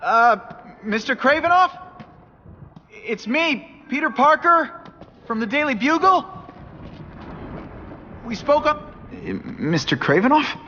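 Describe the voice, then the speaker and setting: An actor playing a young wisecracking American superhero and student photographer in a video game, with a boyish, quippy manner. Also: male voice, extremely high pitch, very animated, slow, pauses often, bright, forceful tone, highs cut off, exaggerated voice. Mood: nervous. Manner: quippy, boyish, self-questioning. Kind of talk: video game character acting. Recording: clear background noise.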